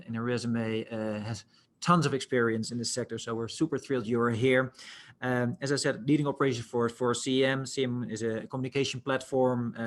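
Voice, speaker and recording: A man's voice: mid-range voice, a little hiss or hum. A man moderating a webinar over a video call, polite and courteous, often hesitating and restarting. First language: Dutch. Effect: heard over a video call. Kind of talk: formal panel moderation.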